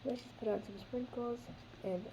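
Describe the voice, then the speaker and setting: A woman hosting a casual craft how-to, chatty and rambling, with a slightly hoarse voice from losing it a little. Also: fairly high pitch, steady tone, normal speed, warm tone, slight background noise, rough recording. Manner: chatty, rambling, trails off mid-sentence. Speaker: craft video host.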